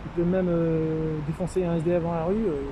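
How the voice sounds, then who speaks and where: A man speaking through a face mask, slightly muffled, giving an informal, halting video update with drawn-out hesitations. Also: fairly high pitch, little pitch movement. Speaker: street medic caring for a homeless man. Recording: noisy outdoor street with traffic.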